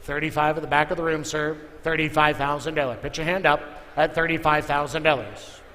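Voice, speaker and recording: A man's voice: a little high, steady tone, a little fast, sharp tone. A man working as an auctioneer, calling live bids in a repetitive chant of figures. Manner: repeats figures and calls for bids. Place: large indoor auction room. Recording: echoey hall with clear background noise.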